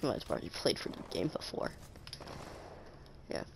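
A man's voice: moderate pace, background noise. A young man with a stuffy nose giving casual, sarcastic commentary while playing a game, joking and talking to enemies. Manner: sarcastic, jokey, talks to enemies. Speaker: gameplay commentator. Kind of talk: casual let's-play commentary.

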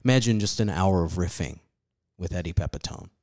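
A man in his forties with a very low voice talks loosely on a podcast. He rambles from thought to thought, puts himself down and swears casually. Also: a little fast, a little mellow. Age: 40s. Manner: rambling, self-deprecating, swears freely. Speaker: comedian guest.

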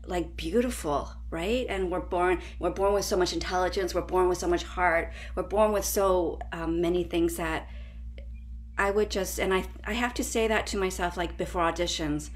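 A woman from Canada, an improviser, chatting earnestly and quickly on a video call, often laughing. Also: on the low side. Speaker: panelist, improviser and actor. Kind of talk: casual video call chat. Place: bright home room.

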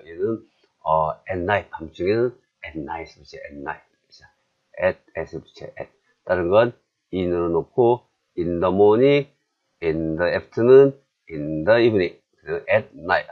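A man with a Korean accent teaching English grammar, chatty and self-deprecating, drilling phrases slowly. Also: deep voice, muffled recording. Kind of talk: classroom grammar lesson.

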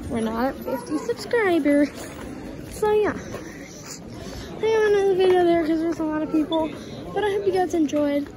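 A woman vlogging a casual walkthrough of a large busy store, rambling and excitable, recorded on a handheld phone. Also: extremely high pitch, low-quality recording. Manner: excitable, rambling, easily amazed. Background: loud music and crowd.

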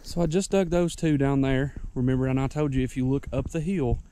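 Guy kinda out of breath out in the woods, folksy how-to rambling, mellow voice. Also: mid-range voice, brisk, clean tone. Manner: folksy, rambling, repeats tips. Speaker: ginseng hunter vlogger. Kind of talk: casual outdoor how-to vlog. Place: wooded mountainside outdoors.

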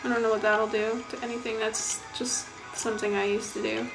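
Brisk and level in tone, her voice sits on the high side. The young adult vlogger chats casually through a makeup tutorial, tossing off muttered comments in a small bathroom. A camera a short distance away captures poor audio with music in the background.

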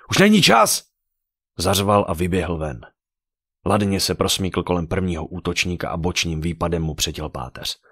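A man narrating a dark fantasy audiobook with dramatic storytelling. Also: deep voice, slightly rough, no echo, studio quality.

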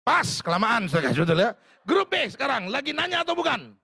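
A man's voice: very high-pitched, sing-song, a little fast, gravelly, sharp tone, breathy edge. A male pastor preaching a fervent sermon to a church congregation, often calling out to them directly. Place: church service.

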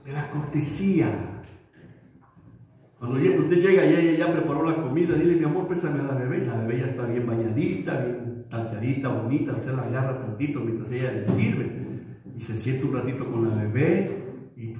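A man's voice: mid-range voice, moderate pace, warm tone. A man, a pastor, preaching a sermon with humor and acting out little dialogues. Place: church hall. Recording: echoey hall from far off.

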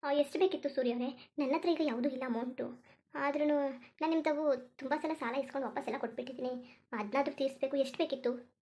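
A woman's voice: high-pitched, fast, mellow. A woman voicing an apologetic young friend. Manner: chatty, apologetic, explaining at length. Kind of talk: cartoon voice acting.

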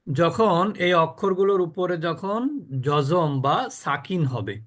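A man teaching a class on recitation rules. He explains patiently with everyday examples, often checks that his students follow, and repeats words slowly to demonstrate pronunciation. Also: on the high side, lively intonation, a bit bright.

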